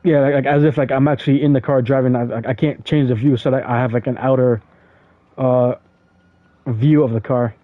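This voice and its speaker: A man's voice: mid-range voice, fairly even intonation, fairly quick, dry recording. A man giving casual gameplay commentary as he plays, rambling with lots of fillers and stammered restarts. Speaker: gaming streamer. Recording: dry tinny phone-like audio.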